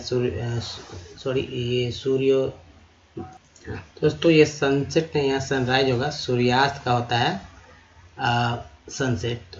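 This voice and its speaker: A man teaching English vocabulary in a slow lesson, sounding out each word syllable by syllable and repeating it. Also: medium pitch, muffled recording. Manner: repeats words syllable by syllable, addresses viewers as friends.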